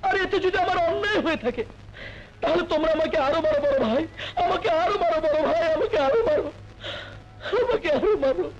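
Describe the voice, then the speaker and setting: A man's voice: sits high, expressive, fast talker, pauses often, dull audio. A young actor playing an earnest youngest brother in a melodramatic film, pleading with his family and tender with the woman he loves. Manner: pleading, then shy and tender.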